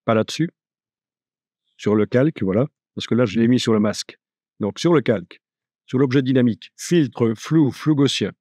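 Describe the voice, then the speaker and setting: Male software instructor, casual and jokey, thinks out loud, mid-range voice, dry close sound. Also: medium pitch, normal speed, dry recording. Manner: chatty, jokey, thinks aloud. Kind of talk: live software tutorial.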